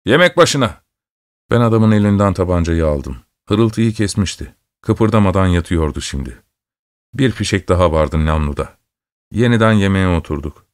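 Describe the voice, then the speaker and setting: A man narrating a story in a steady, measured storytelling voice. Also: sits low, smooth, no echo, studio quality. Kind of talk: scripted narration.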